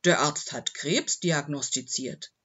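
A man's voice: a little high, slow, pushed and bright, slightly rough, dull audio, exaggerated voice. A man reading the voice of a remorseful very old man in an audiobook, pleading and regretful. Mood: defensive.

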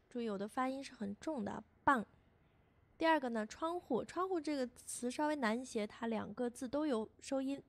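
A woman's voice: fairly high pitch, creaky, no echo. Patient teacher woman, dry close voice. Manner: patient, repeats each syllable slowly for learners. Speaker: language teacher. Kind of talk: scripted lesson voice-over.

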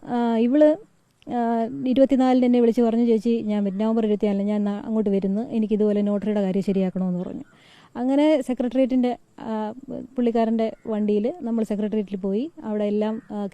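A woman with a lilt recounts events to an interviewer in a halting way, pausing often on fillers and restarting her sentences. Her voice is very dark and mellow and sits a little high. The recording is dry and close. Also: no echo, dull audio. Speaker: friend giving an interview.

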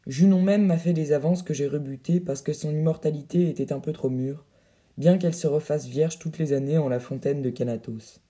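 A man's voice: a little high, brisk, warm tone, natural voice. A man voicing a boastful, swaggering braggart captain with pompous, grandiloquent bluster in an audiobook reading. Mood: pompous boasting.

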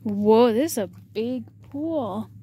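A fairly high-voiced woman talks casually on a handheld outdoor recording. She is cautious, giving brief warnings and orders, with some noise around her. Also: expressive, slow pace, warm tone. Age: adult, mother of the children. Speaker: mother leading an exploration. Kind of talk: casual handheld exploring vlog. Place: abandoned concrete ruins outdoors at night. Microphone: handheld phone camera.

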